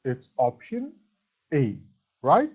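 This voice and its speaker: A man from Assam, India, teaches an English grammar lesson in an Assamese accent, spelling out words, posing questions he answers himself, and praising with "very good". His voice is medium-pitched and slightly rough, slow, with huge swings in pitch. The recording is dull and lo-fi.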